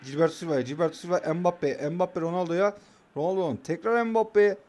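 A man's voice: high-pitched, brisk, a little mellow. A young man casually commentating his own football video game match, calling out passes and trash-talking his opponent.

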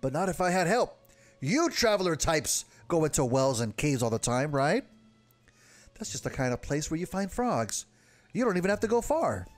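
With a sing-song voice on the high side, a man performs a flustered young male village guard from a game, lovestruck and jittery, forever blurting something and then backpedaling. He speaks at a moderate pace over soft background music.

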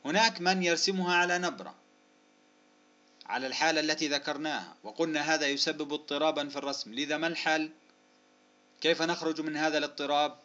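A man teaching a spelling lesson in a bright, forceful voice. He stretches each example word out slowly and explains the rules quickly, speaking warmly to his students. The recording sounds dull and lo-fi. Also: fairly high pitch. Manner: slow, drawn-out dictation of example words, then brisk rule explanations; addresses listeners as dear loved ones, asks and answers his own questions.

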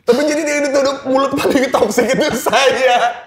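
A man's voice: very high voice, moderate pace. A man, a stand-up comedian, telling teasing anecdotes in casual chat. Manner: joking, teasing storyteller.

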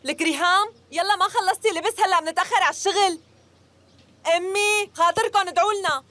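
A woman's voice: extremely high pitch, quick pace, bright, forceful tone. An actress playing a bubbly, impatient young woman with a Syrian accent in a dubbed TV drama. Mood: hurried.

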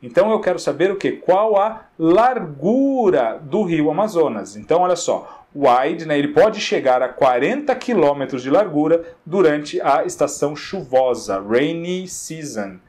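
A man teaching English, explaining slowly and often checking that his students follow along. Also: on the high side, lively intonation, darkish tone. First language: Portuguese. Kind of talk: classroom English lesson.

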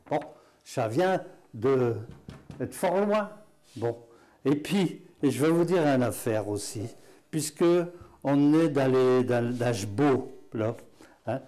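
A man's mellow, medium-pitched voice carries a Picard accent of the Hainaut variety. He's giving a relaxed spoken lesson on patois words, chatty and folksy, with plenty of fillers and chuckles.

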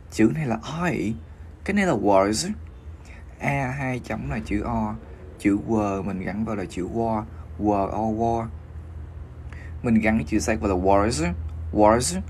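A man with a Vietnamese accent giving a pronunciation lesson, slowly spelling out and modeling English words syllable by syllable. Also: on the low side, a little mellow, slight background noise.

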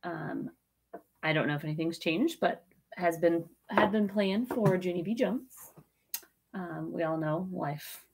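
This auction co-host, a woman in her thirties, has a fairly low, darkish, slightly rough voice and speaks a little slowly. She's chatty and giggly on a casual webcam livestream, checking messages in a small room with tiki decor.

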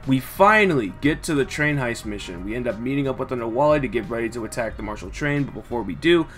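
A man's voice: mid-range voice, expressive, fast talker, a bit bright, faint music behind. A man narrating a sardonic video game review, sounding emotionally drained and fed up.

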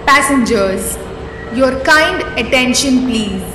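A woman making a railway station announcement over a loudspeaker, slow and measured, reading numbers digit by digit. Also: high voice, lively intonation, over loud music. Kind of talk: scripted public announcement. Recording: echoey distant loudspeaker over loud train noise. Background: trains and station ambience.

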